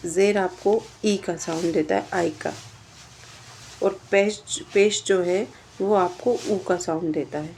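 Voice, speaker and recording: Gravelly-voiced woman teaching grammar. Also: on the low side, steady tone, darkish tone, a little hiss or hum. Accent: Indian Urdu. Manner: explains step by step, asks and answers own questions. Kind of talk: grammar lesson.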